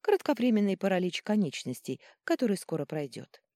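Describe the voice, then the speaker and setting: A woman's voice: medium pitch, big pitch swings, a little fast, warm tone, no echo, studio quality, voice pushed up. A woman voicing a kind, capable young sorceress who speaks reassuringly in an audiobook. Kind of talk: audiobook reading.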